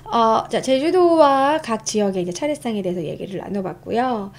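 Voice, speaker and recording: A young woman hosts a casual live-stream history lesson, her voice sitting a little high. She swings up and down a lot in pitch as she chats, reads her notes aloud and answers her viewers. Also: expressive, normal speed, darkish tone. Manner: chatty, reads out and reacts to chat.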